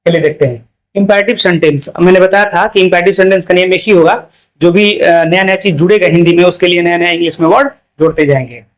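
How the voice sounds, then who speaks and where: A man with a fairly high voice teaches English grammar in a relaxed, chatty way, with a Hindi accent. He keeps asking his class questions and then answers them himself. He says each English example slowly, word by word. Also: poor audio. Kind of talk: casual classroom explanation.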